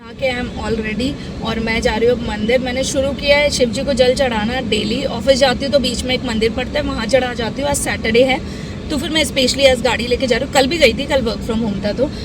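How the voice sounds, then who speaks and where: A young woman talks her viewers through her morning at home in a chatty, easy way. Her voice sits high and bright. The home recording is noisy throughout. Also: steady tone, fairly quick. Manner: chatty, switching to sing-song baby talk with her toddler. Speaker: vlogger. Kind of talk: casual home vlog chat.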